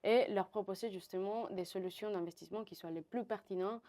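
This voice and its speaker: With a mellow, medium-pitched voice, a guest partnership manager talks fairly quickly. The Venezuelan woman, in her twenties, handles interview questions, restarting sentences and filling pauses often.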